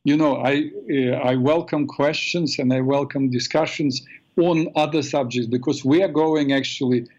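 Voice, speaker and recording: A man hosting a call-in radio show in a smooth, calm and measured way, heard through a radio broadcast. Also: mid-range voice. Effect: radio broadcast sound. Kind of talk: smooth radio host talk. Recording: dull lo-fi radio sound.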